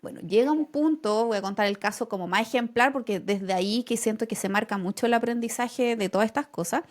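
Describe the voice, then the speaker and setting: A woman's voice: fairly high pitch, fairly quick. A young woman with a Chilean accent, co-hosting a casual podcast and telling a personal story, acting out the lines she quotes with laughter. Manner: animated, acts out quotes with laughter. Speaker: podcast co-host.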